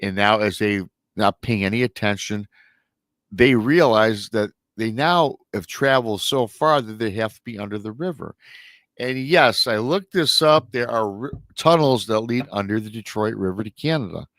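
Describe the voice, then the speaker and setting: This middle-aged man hosts a live paranormal show, chattily retelling a strange encounter and tossing asides to viewers. A lingering illness leaves him nasal and a little scratchy. His voice sits on the low side with a fairly bright tone at normal speed, recorded dry.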